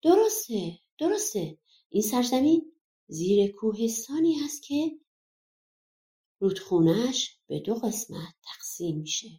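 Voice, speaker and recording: A woman's voice: a little high, sing-song, dark tone, roomy sound. A woman voicing a mysterious little man. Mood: knowing. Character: mysterious short man from the water.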